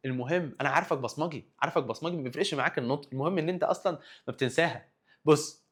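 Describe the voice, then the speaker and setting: Young Egyptian man, history teacher, rapid and slightly high, lively self-quizzing review. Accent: Egyptian Arabic. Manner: animated, asks and answers his own questions. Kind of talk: exam review lesson.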